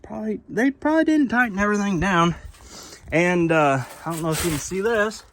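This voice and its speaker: A man's voice: high voice, animated, fairly quick, a bit bright, slight background noise. A man in casual talk to camera while working on a truck frame, rambling with many fillers and self-corrections. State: out of breath. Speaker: vlogger restoring a truck.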